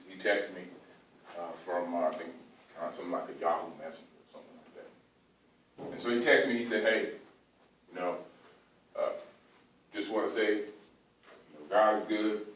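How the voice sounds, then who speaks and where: An American man, middle-aged, giving an informal, earnest pre-game pep speech to his team as a coach, halting and repeating phrases for emphasis. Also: on the low side. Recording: echoey room, distant mic, faint background noise.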